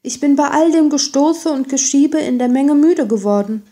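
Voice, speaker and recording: A woman voicing a sweet, tired young woman in a bedtime story, gentle and breathy. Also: high voice, normal speed, voice pushed up, lightly acted.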